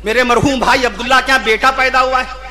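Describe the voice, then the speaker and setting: A man preaching at a religious gathering. He builds long, repeated lists that swell into shouts, then stops to spell out the correct pronunciation of names. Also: very high voice, steady tone, fast. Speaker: Islamic preacher. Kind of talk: impassioned sermon at a religious gathering.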